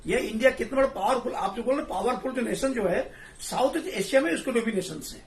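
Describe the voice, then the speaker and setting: A man talking in a casual political discussion, animated and laughing, mixing in English phrases. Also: very high-pitched, fast. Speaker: discussion panelist. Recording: echoey room, distant mic.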